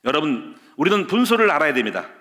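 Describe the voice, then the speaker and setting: A man's voice: on the high side, fast talker. A man preaching a sermon as pastor, telling stories and acting out the quoted lines. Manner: lively storytelling with acted-out quotes.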